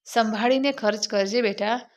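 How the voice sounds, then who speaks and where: A woman's voice: a little high, steady tone, normal speed, close to an everyday voice. A woman voicing a middle-aged mother who warns and advises her grown daughter in a spoken story. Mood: cautioning. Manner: cautioning, advising. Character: worried middle-aged mother giving warnings.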